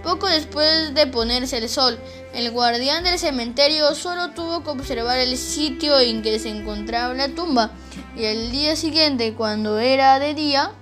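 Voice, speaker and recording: A woman narrating a children's audiobook in a calm, measured storytelling voice. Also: sits high.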